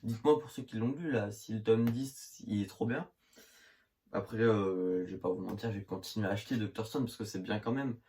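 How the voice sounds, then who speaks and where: A man's voice: on the low side, fairly quick, mellow. A young man from the north of France with a northern French accent, chatting casually about his manga collection, rambling with lots of fillers and slang. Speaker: manga vlogger. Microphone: phone camera. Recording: phone recording with faint hiss.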